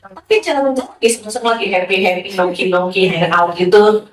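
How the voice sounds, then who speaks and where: A woman preacher giving a sermon to a gathering, talking in a lively way and asking many rhetorical questions. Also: mid-range voice, normal speed. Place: hall with a listening audience. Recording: roomy, from a distance.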